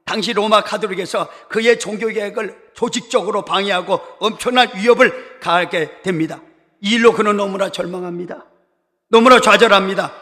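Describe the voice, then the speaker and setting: Emphatic high-voiced male pastor preaching. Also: moderate pace, sharp tone. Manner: emphatic, repetitive exhortation. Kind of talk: sermon. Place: church sanctuary. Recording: reverberant church hall.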